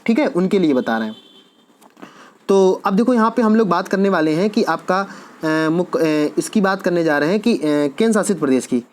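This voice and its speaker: A man's voice: high-pitched, expressive, normal speed. Male tutor, exam-prep lecture, asks then answers his own questions, repeats answers. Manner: asks quiz questions and answers them himself; repeats key answers for emphasis. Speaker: teacher.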